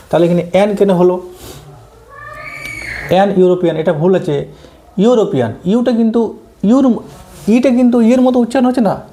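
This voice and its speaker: A male teacher walks students through English articles for an exam, pausing often to check they follow. His voice sits high for a man. The tone is soft and mellow rather than bright. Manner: explains step by step, often checks understanding. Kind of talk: exam-prep grammar lesson.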